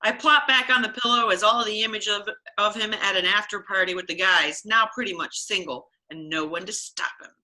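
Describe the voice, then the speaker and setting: A woman co-hosting a comedy podcast, reading fan fiction aloud with playful, animated delivery and chatting casually. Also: medium pitch, fairly quick, few pauses. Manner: animated, playful, acts out dialogue. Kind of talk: comic dramatic reading and casual chat.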